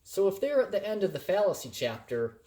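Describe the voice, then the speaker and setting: A man teaching a recorded critical thinking lecture, playful and animated, trying out the same sentence with shifting emphasis. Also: high-pitched, fairly quick. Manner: animated and playful, acting out examples in varied emphasis. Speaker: college instructor.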